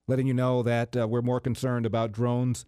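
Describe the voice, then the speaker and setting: A man hosting a talk radio interview, speaking in a measured, conversational way with occasional fillers. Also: medium pitch, little pitch movement, mellow, clear, resonant tone, no echo, studio quality. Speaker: radio talk show host.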